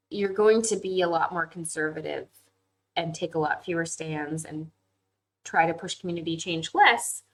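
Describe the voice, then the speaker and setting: Heard over a rough recording, this woman has a rather low voice. Hosting an informal live online class, she reads out viewer comments and discusses them candidly and chattily, dropping frequent "um"s and laughing readily.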